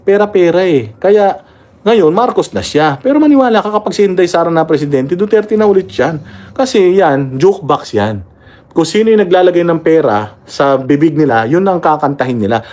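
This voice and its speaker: A man's voice: medium pitch, darkish tone. A man with a Filipino accent hosting casual political commentary, heated and mocking, swearing often and reading viewer comments aloud.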